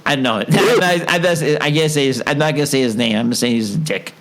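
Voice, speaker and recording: A man's voice: medium pitch, fast, fairly bright tone. A man hosting a casual talk show, chatting in a rambling, jokey way, often trailing off and restarting his sentences. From Chicago. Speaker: show host. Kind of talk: casual chat.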